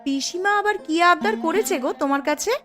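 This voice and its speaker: A woman voicing a wife in a Bengali cartoon, with a sharp, scolding manner. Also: moderate pace, music in the background. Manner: sharp, scolding, high-pitched.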